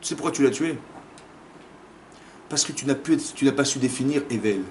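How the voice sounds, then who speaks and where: A man, a rabbi, giving a lively Torah class in a community center, casual in phrasing, acting out dialogues and firing rhetorical questions. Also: mid-range voice, moderate pace, a little hiss or hum. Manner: animated, acts out dialogues, fires rhetorical questions. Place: community center lecture room.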